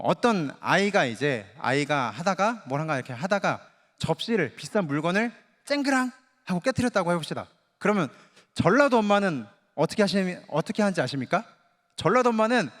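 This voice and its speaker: A junior pastor from Chungcheong delivering a Wednesday Bible exposition sermon in a church sanctuary, animated, asking the congregation questions and mimicking voices. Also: male voice, fairly high pitch. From Chungcheong, Korea. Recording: long church hall reverb.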